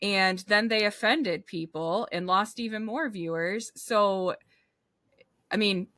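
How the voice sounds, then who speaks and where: A woman with a bright, forceful voice, recorded dry and close, hosting a podcast interview. She is animated and opinionated, often slipping into acted-out quotes of other people. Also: mid-range voice, slow pace, no room sound. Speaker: podcast host.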